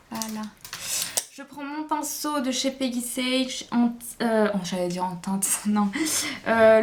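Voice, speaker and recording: A woman vlogger chatting casually through a makeup tutorial, hesitant and thinking aloud as she goes. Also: a little high. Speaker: beauty vlogger.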